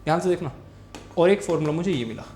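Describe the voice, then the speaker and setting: A young man teaching a physics lesson, quick and repetitive, urging students to watch closely. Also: a little high, lively intonation, warm tone, a little hiss or hum. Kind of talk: fast Hindi tutoring lesson with board writing. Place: room, recording a class video. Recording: echoey room.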